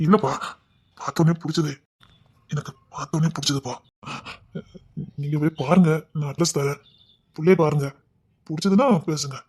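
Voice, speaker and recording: A man's voice: fairly high pitch, moderate pace, pauses often, a little mellow, breathy edge. A young man acting a proud village son who earnestly pleads with his parents, in a family drama.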